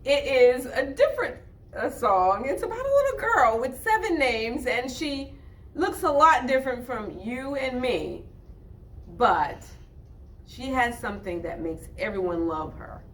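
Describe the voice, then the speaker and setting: A woman with a slightly high voice hosts a children's storytime, reading aloud and singing for young listeners. She talks to the kids in an expressive, drawn-out, singsong manner.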